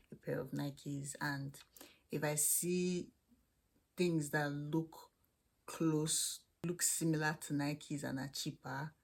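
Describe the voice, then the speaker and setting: This international student vlogger has a low, creaky voice and a Nigerian accent. Talking to camera, she responds candidly to viewer questions about student life and faith, chatty and frequently starting over mid-thought.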